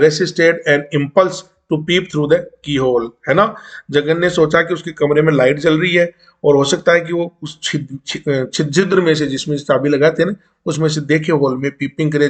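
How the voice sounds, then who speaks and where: A man gives a college literature lecture. He reads English passages aloud slowly, then explains them in casual Hindi. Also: fairly high pitch.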